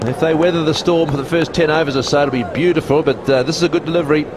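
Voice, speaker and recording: A man giving live TV cricket commentary, excitable and exclaiming at near misses. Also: a little high, very fast. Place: commentary box at a cricket ground. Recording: broadcast with loud crowd and noise.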